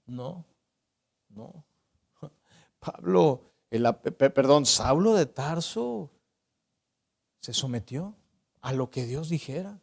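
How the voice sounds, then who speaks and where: A man's voice: slow, vocal fry, pauses often. A man with a Mexican Spanish accent, a pastor preaching a sermon, acting out Bible dialogue and often asking the congregation if they follow. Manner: animated preaching, acts out Bible dialogue with sudden pitch jumps; asks the congregation "¿verdad?" and "¿sí?" often.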